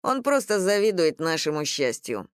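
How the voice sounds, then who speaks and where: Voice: mid-range voice, very animated, moderate pace, dry recording, studio quality, lightly acted. A reader voicing a lazy, sneering young man who drawls his mockery. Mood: mocking. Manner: mocking, drawling.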